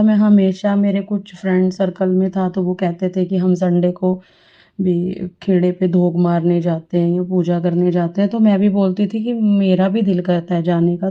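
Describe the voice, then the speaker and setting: A middle-aged woman sharing a personal devotional experience in an earnest, rambling, reverent way. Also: lowish voice. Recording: dull lo-fi audio.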